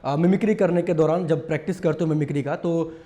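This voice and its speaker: A man's voice: on the high side, fairly even intonation, fast, warm tone. Chatty man teaching mimicry. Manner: chatty, explains step by step with many fillers. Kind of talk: casual tutorial talk.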